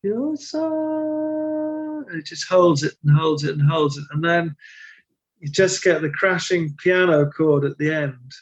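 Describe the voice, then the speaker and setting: Man, middle-aged, somewhat high voice, animated, emotional, self-deprecating, interview guest. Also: normal speed, lo-fi sound. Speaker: guest, translator and stage performer. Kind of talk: conversational interview.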